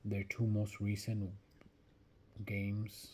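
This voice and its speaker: A man's voice: lowish voice, monotone, extremely slow, a little mellow, a little hiss or hum. A man giving casual soccer betting predictions, thinking aloud and hesitant, often restarting his sentences. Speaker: sports betting vlogger.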